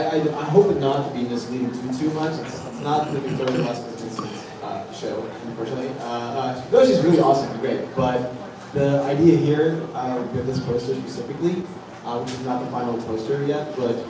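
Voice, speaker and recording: A man who makes documentaries answers press questions, often stopping to hunt for the right word and starting over. His voice carries from a distance through a very echoey room. A steady background noise runs under him. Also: mid-range voice, normal speed, hardly any pauses. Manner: hesitant, searching for words, many fillers and restarts. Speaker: documentary filmmaker.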